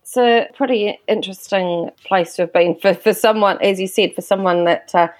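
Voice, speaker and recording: A woman interviewing a guest, chatty and lively, describing herself as loud. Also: mid-range voice, normal speed, no room sound. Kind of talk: interview conversation.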